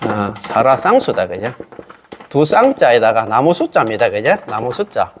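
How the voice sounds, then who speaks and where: A man's voice: medium pitch, sing-song, moderate pace, background noise. A man, a Buddhist monk, giving a casual dharma lecture and checking in with listeners by asking questions. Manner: chatty, checks listeners with tag questions, chuckles often.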